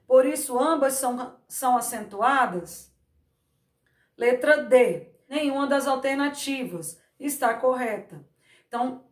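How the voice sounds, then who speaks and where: Slow, high-voiced woman teacher in an echoey room. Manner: slow, stresses syllables by repeating words. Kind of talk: Portuguese grammar lesson.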